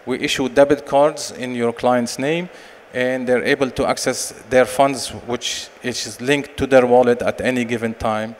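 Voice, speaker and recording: Presenter on a reverberant expo stage. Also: male voice, steady tone, unhurried, hardly any pauses. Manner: sales pitch with frequent fillers and restarts. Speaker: company managing director presenting. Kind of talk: conference presentation and Q&A. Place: large expo stage hall. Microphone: handheld mic. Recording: long hall reverb, faint noise.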